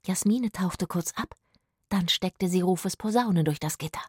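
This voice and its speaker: Eine Frau, die ruhig eine Kinderhörgeschichte vorliest. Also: female voice, lowish voice, normal speed, husky, no room sound, clean studio sound. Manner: calm, storytelling. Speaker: narrator. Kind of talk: children's audiobook narration.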